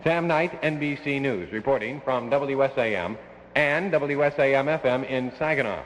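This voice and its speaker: A man's voice: mid-range voice, moderate pace, fairly bright tone, a little hiss or hum. An American man reading a scripted 1960s local radio news bulletin. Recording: reverberant vintage radio broadcast.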